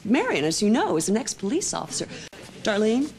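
A woman's voice: mid-range voice, huge pitch swings, a little fast, darkish tone. An actress in her forties playing an effusive, theatrical director of an amateur troupe in a television drama. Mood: earnest, wheedling.

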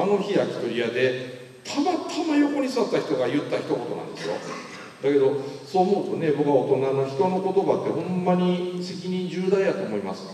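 A man's voice: on the high side, dark tone, slight background noise. A man in his fifties with a Kansai accent gives a live lecture, telling a story and acting out the voices of the people in it. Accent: Kansai Japanese. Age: 50s. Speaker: motivational speaker. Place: large lecture hall. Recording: echoey hall, mic at a distance.

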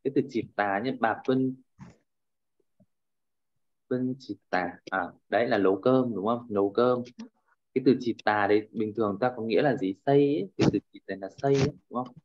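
A man's voice: lowish voice, fairly quick, muffled recording. A man teaching a class over a video call, often checking in with his students and repeating fillers as he explains. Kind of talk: online class lecture.

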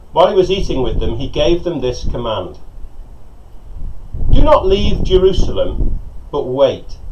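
A middle-aged man, a pastor, preaching a sermon and telling stories in an animated way, recorded on a lapel mic outside on a porch. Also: a little high, noisy background. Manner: storytelling, animated, gesturing with hands. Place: covered porch outdoors by a lake. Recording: slightly dull sound with faint outdoor ambience.

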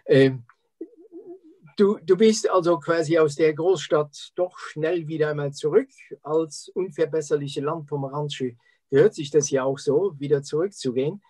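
A man hosting a conversational interview over a video call, calm and encouraging. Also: a little high, normal speed. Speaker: interview host.

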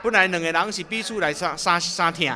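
Fast, bright male interpreter in stadium reverb. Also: high-pitched. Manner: quick, following the preacher's emphasis, with some stumbles. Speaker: sermon interpreter. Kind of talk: live interpretation of a sermon. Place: outdoor stadium.

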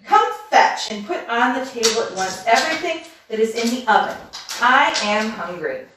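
A woman voicing a ravenous, menacing old witch who gives loud commands in old-fashioned speech, in a storybook reading. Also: on the high side, sing-song, moderate pace, background noise. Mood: commanding. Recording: echoey room from far off.

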